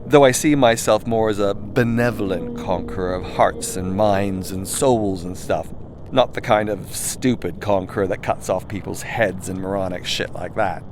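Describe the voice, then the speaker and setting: Reading his own irreverent self-help audiobook, the man speaks with a fairly low voice, and a little hiss or hum is audible. He's theatrical and cheeky in a conversational way, with sweary asides. Background music, a composed piece with soundscape, accompanies him.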